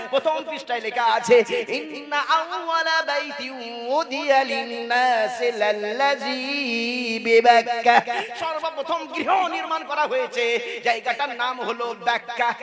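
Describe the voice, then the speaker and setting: Man, Islamic preacher, very high voice, emphatic rising sermon, live crowd in the background. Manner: rising, emphatic chanting delivery, calls on the audience to respond.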